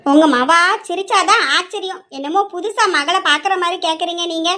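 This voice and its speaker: Casual: woman doing a sarcastic scolding mom, high bright voice, audio drama. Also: fairly quick. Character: sharp-tongued middle-aged mother, nagging. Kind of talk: amateur audio drama acting.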